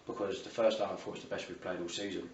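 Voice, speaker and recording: Low-voiced English football manager, roomy distant recording. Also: male voice, little pitch movement, fast. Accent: English, south-east. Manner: colloquial, matey, with frequent "you know". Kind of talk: post-match interview. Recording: roomy, distant mic, faint ambient noise.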